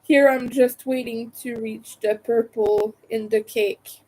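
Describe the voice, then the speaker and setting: Slow, stuffy-nosed woman chatting on stream. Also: fairly high pitch, fairly even intonation, mellow, slight background noise, low-quality recording. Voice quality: congested, stuffed-nose nasal voice, as if nose pinched. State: stuffy nose from a cold and allergies. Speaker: livestream host. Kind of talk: casual livestream chat.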